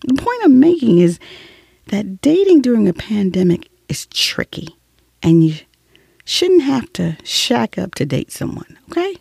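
Brief: woman podcast host, animated storyteller, gravelly edge, dry close sound. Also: a little high, a little slow, no room sound. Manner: animated, acts out both sides of conversations. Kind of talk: casual monologue.

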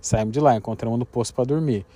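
A Brazilian man, a travel vlogger, telling a story with his partner in casual chat. He explains himself quickly and a bit defensively. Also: medium pitch, warm tone, dry recording. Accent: Brazilian Portuguese.

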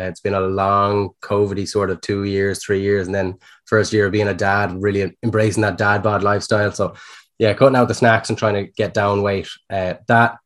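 An Irish man co-hosting a podcast in casual, self-deprecating, sweary chat. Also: lowish voice. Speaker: podcast co-host.

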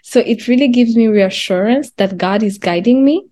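A young woman from Rwanda, a podcast guest sharing her faith story in a soft, reflective way. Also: a little high, moderate pace. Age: young adult. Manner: soft-spoken, reflective, uses "like" and "you know". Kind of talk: interview testimony.

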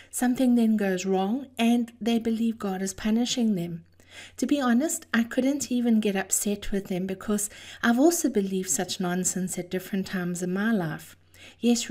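A woman with a dark, mellow voice at a middle pitch hosts a motivational podcast. She speaks in a measured, deliberate way, leaning on key phrases. Her address to listeners is affectionate and a little theatrical. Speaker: host of a daily encouragement podcast. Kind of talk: scripted motivational monologue.

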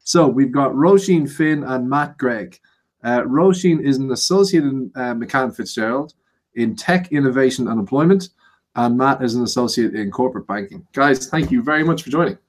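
A man's voice: mid-range voice, lively intonation, moderate pace. A man hosting a podcast and putting casual questions to guests. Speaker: podcast host, interviewer. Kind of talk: casual interview.

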